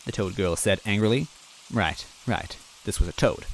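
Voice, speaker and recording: In an earnest, timid, self-deprecating way, a man reads a first-person fan story aloud. His voice sits fairly low and moves at a moderate pace.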